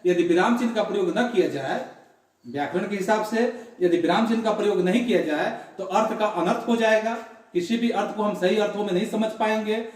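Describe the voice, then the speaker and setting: A man teaching a grammar lesson in a classroom, explaining slowly and repeating his examples. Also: sits high. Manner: slow, repetitive explaining with examples. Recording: very echoey room, voice from far off.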